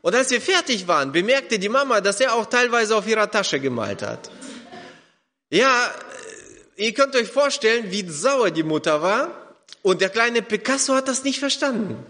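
A man's voice: high voice, big pitch swings, moderate pace, bright, forceful tone. A man preaching a sermon to a congregation, stressing key words and acting out the doubts of believers. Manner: emphatic, repeats key words, acts out quoted doubts. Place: church hall. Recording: long hall reverb.

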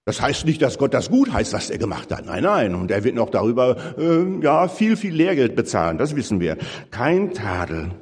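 A man preaching a sermon in a church, emphatic and rising on key phrases, warmly addressing his listeners. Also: mid-range voice, sing-song, normal speed, slightly rough. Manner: addresses listeners as "ihr Lieben". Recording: long reverb of a large hall.

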